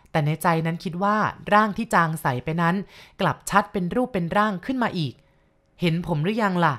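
A woman reading a first-person ghost story aloud, steady and unhurried. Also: medium pitch.

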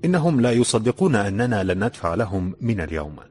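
A man's voice: deep voice, lively intonation, rapid-fire, slightly rough, soft background music. A man voicing a confident, teasing young laborer who slips into an Egyptian accent. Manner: cheerful, teasing.

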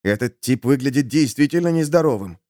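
A man's voice: mid-range voice, expressive, fairly quick, dark tone, no room sound, studio quality, close to an everyday voice. A man voicing a timid, stammering man with a trembling voice in an audiobook story. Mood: nervous.

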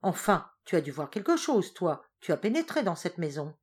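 A woman's voice: on the low side, very animated, normal speed, husky. A woman reading an audiobook voices a domineering male general who barks orders at his soldiers. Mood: gruff. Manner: barking commands.

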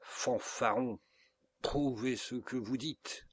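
A man voicing an angry, hot-headed young nobleman in an audiobook, shouting challenges. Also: mid-range voice, slow pace, slightly rough. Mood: furious. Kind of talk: audiobook character reading.

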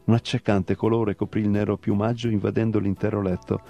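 A man reading a fable aloud in a measured storytelling manner. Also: on the low side, little pitch movement, vocal fry, dark tone, dull audio, soft background music. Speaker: story reader. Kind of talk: scripted narration of a fable.

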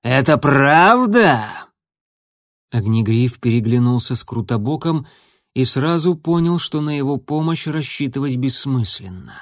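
Guy reading an animal adventure book aloud, even tone, no room echo. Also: mid-range voice, normal speed, clean studio sound. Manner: steady, expressive reading. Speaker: audiobook narrator. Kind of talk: scripted storybook narration.

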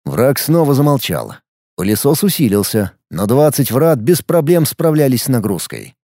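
A man narrating a fantasy novel as an audiobook, reading in a lively way with acted dialogue. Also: medium pitch, normal speed, no echo, clean studio sound.

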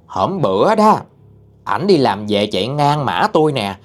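A man voicing a petulant female ghost speaking through a possessed young man, in a shrill, womanish voice with a Southern Vietnamese accent and a whiny, sassy manner. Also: sing-song, measured pace, soft background music. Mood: pleading.

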